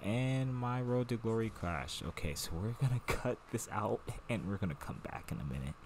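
A man's voice: on the low side, expressive, moderate pace, a little mellow, slight background noise. A young man giving laid-back, slangy commentary while playing a football video game. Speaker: gaming channel host. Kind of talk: casual gameplay commentary.

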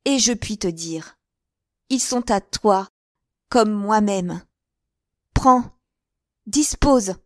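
Storybook seductress, put on by a woman narrator: passionate, scheming, slow and dry. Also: mid-range voice, animated, no room sound. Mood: exultant. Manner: passionate, feverish, rising to cries.

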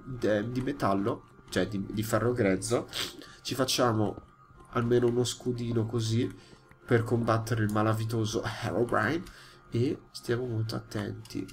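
A man's voice: mid-range voice, a little hiss or hum. A young man with an Italian accent commenting live on his gameplay, jumpy and easily startled, chatting to his viewers. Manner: jumpy, yelps when startled, talks to viewers. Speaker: gaming YouTuber.

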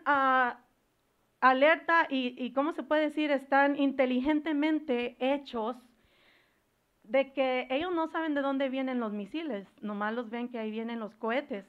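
A woman preacher giving a fervent sermon, pausing to search for words and building into loud exhortation. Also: high voice, highs cut off. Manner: searches for words aloud, slips into English words.

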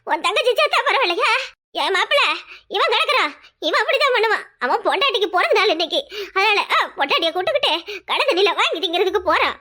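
A woman's voice: very high voice, very animated, quick pace, pushed and bright, exaggerated voice. A woman voicing an elderly village mother in a cartoon comedy, who wails, scolds and laments. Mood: lamenting.

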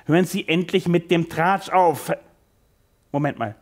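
A man reading aloud and playing an impatient, gruff theatre director who barks orders. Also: a little high, measured pace. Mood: grumbling. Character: grumpy bossy male theatre director.

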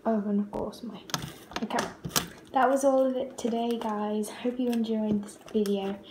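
Speaking at a moderate pace with fairly even intonation, this slightly high-voiced teenage girl from Australia does a casual Q&A vlog to camera, rambling hesitantly and repeating things often. The setting is a small room at home with bare walls. Expect a roomy sound, loud background noise, and clicks.

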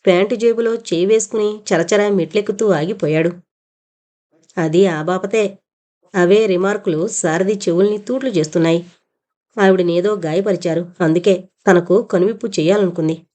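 A woman narrating an audio novel in a measured storytelling manner. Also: mid-range voice, dark tone.

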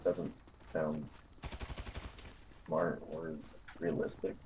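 Deep-voiced man, tinny metallic mic. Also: little pitch movement, drawn-out words. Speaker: online game player. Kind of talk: casual gaming banter. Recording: tinny mic, noisy game gunfire behind.

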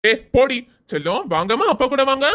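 A soft-hearted young husband fusses and coaxes in gentle baby talk, as a woman acts him out. His cartoon voice is high and very lively, swinging up and down as he soothes. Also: brisk, very noisy. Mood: coaxing. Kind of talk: cartoon serial voice acting.

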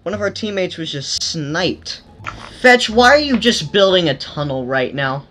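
Man, gaming host, casual commentary, slightly high voice, excitable. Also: a little slow, slight background noise. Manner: excitable, yelps during fights.

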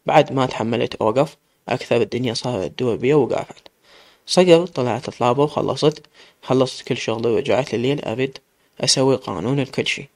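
A man with an Iraqi accent narrating a story in the first person, in a plain, steady telling. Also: medium pitch, quick pace, dry recording. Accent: Iraqi Arabic.

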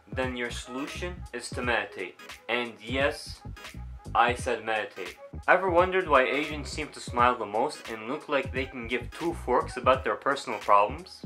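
A man's voice: medium pitch, pushed and bright. A man hosting a vlog who narrates with comedy and punchy, jokey asides. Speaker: host.

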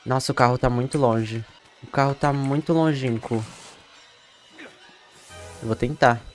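A young Brazilian man streaming a horror game, chatting casually, swearing a lot and breaking into loud panicked yells. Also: medium pitch, a little slow, faint music behind. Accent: Brazilian Portuguese. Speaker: gamer streamer. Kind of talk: live gameplay commentary.

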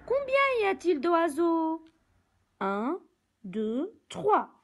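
A woman teaching young children from a picture book, speaking slowly and deliberately, repeating words and counting aloud. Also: very high voice, huge pitch swings, rough recording.

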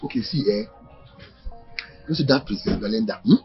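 A man with a Nigerian accent playing an excitable, scheming mechanic in a Nollywood film. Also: fairly low pitch, fairly quick, gravelly. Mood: persuading. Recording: dull film audio with music.

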